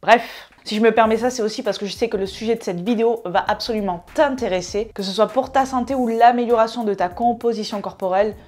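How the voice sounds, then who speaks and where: A woman's voice: fairly high pitch, fast, hardly any pauses, darkish tone. A woman hosting a fitness advice video, chatting casually to the viewer with playful, self-mocking asides.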